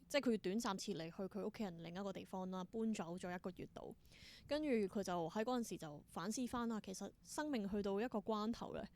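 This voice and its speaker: Her voice is mid-pitched and slightly mellow as she appears as an interview guest, this Hong Kong Cantonese-accented theatre performer. She shares stories casually and with enthusiasm, dropping in bits of English.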